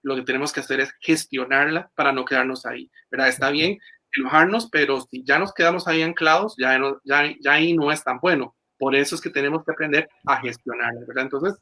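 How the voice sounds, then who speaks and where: This clinical psychologist talks fairly quickly in a mid-range, sharp-toned voice. He explains things in an interview over video call, often using fillers and starting sentences over.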